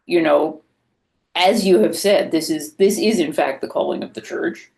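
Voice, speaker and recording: A woman's voice: deep voice, normal speed, creaky, darkish tone. A woman who is a priest, telling stories candidly and wryly with frequent laughter, speaking over a video call. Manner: candid, self-deprecating storytelling with laughter. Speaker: Anglican priest. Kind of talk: webinar conversation.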